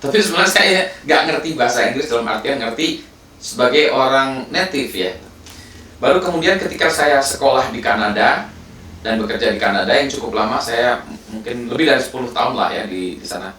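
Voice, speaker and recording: A man's voice: mid-range voice, expressive, a little fast, bright, forceful tone. Man, fifties, from Indonesia, casual rambling monologue, fillers and restarts, distant mic. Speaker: host. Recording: roomy sound from a distant mic with faint background noise.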